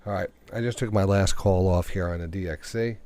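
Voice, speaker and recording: Man, New York accent, deep voice, live trading commentary, talks to himself. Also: fairly even intonation, brisk, warm tone, no echo. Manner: thinks aloud, talks to the market and himself. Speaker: day trading radio host.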